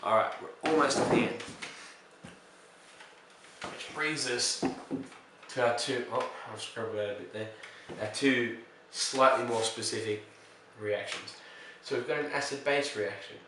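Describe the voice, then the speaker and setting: A male chemistry teacher explaining reaction types in a relaxed way, pausing with fillers and correcting himself. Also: medium pitch, recorded from a distance, background noise. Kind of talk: recorded lesson explaining reactions. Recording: echoey room, voice off-mic.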